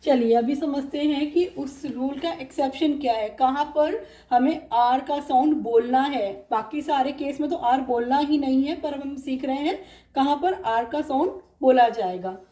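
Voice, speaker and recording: A woman teaching pronunciation, repeating example words slowly and patiently. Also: high voice, dark tone, reverberant, far from the mic. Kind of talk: spoken English lesson.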